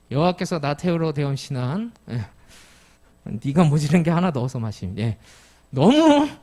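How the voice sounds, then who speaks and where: A middle-aged man from Jeju preaching an expository sermon, explaining step by step and putting questions to the congregation. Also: high-pitched. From Jeju, Korea. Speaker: pastor. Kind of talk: expository sermon at a midweek service.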